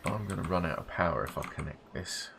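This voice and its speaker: A man's voice: deep voice, expressive, brisk, vocal fry, noisy background. A middle-aged man streaming a game, rambling wryly between asides and swearing casually. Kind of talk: casual gameplay commentary.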